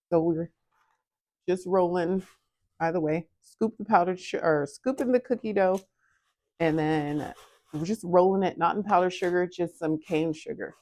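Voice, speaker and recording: Woman chatting to the camera while she bakes in her kitchen, lowish voice, dry close sound, voice jumps way up when she quotes people. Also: no room sound. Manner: animated, acts out quoted voices with pitch jumps. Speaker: vlogger. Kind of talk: casual storytelling while baking. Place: home kitchen. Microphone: camera in front of her.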